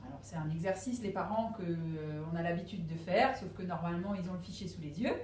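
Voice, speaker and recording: A woman teaching a phonics lesson to young children at a distance, speaking slowly and patiently and stressing each syllable. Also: lowish voice, darkish tone, reverberant, slight background noise. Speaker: primary school teacher. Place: classroom with a board.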